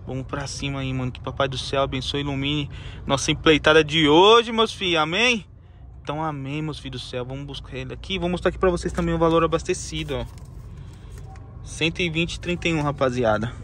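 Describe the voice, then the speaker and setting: A man's voice: fairly high pitch, fairly quick, bright, forceful tone. A man, a rideshare driver talking casually to his viewers in a slangy vlog from his car in the city. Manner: slangy, calls viewers family and guys. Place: inside and around a car in the city. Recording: noisy car and street recording. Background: street and traffic noise.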